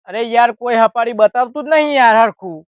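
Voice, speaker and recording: In a village comedy sketch, an older man carrying an invitation card wearily complains in rustic dialect that he's lost. His voice is extremely high-pitched and fairly quick, captured in a dull, dry, lo-fi recording.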